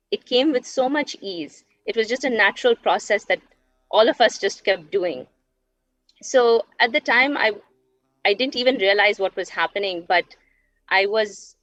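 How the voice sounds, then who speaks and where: A woman in her thirties from Dubai, with a medium-pitched, slightly bright voice, earnestly and reflectively shares her personal story as an interview guest. The recording is dull, dry lo-fi stream audio.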